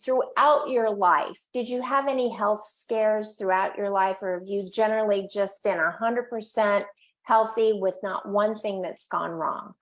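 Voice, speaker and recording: An older woman hosts a conversational interview in a mid-pitched voice. She encourages her guest and takes her time building long, wordy questions. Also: fairly even intonation, measured pace. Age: 60s or older. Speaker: interviewer, host.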